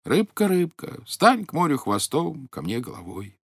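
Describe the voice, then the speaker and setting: A man's voice: a little high, sing-song, normal speed, breathy edge, no room sound, clean studio sound, heavily acted. A man doing a meek, weary old fisherman. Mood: calling out. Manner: pleading, complaining.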